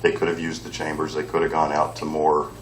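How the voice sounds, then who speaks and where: A man's voice: rumbling low, completely flat delivery, brisk. A man in his forties giving an earnest campaign speech as a political candidate, with frequent fillers. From Clearwater, Florida. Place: meeting room. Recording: distant mic with faint background noise.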